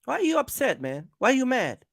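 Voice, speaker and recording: A trucking vlogger on YouTube rants casually at the camera, calling out rivals with repeated points and rhetorical questions. His voice sits high and swoops wildly in pitch, gravelly yet fairly bright, and he talks a little fast. The recording is dry and studio-clean.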